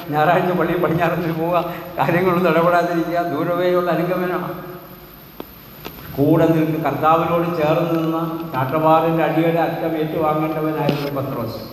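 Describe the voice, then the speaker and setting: A priest preaches in a fairly high voice, firing questions at his listeners and pressing them for answers. His voice rings through a large, very echoey church hall with a long reverb tail. Faint background noise sits under the speech. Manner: rhetorical, asks congregation questions. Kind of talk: sermon.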